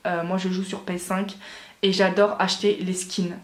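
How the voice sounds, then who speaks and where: A woman's voice: lowish voice, flat delivery, normal speed. A woman in her twenties answering viewer questions in a casual vlog, chatty and hesitant with many fillers. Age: 20s. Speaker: doll collector vlogger. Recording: echoey room.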